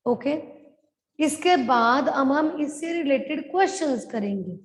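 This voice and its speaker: A woman teacher, giving a class lesson. She draws out each word slowly as she dictates and mixes English phrases into her speech. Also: high-pitched, expressive. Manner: slow, drawn-out dictation of words. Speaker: primary school teacher. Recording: echoey room with long reverb.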